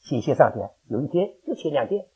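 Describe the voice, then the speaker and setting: An older man preaching a sermon to his congregation as their pastor, animated and chuckling as he fires questions at the listeners. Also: on the high side, fairly quick, breathy edge, dull audio. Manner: animated, quizzes the congregation with questions, laughs often. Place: church.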